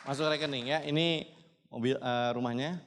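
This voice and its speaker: At a business seminar, a man in his twenties gives a motivational testimonial at a normal pace in a medium-pitched voice, emphatically addressing the audience again and again. The recording carries a long hall reverb, crowd noise and a noisy background.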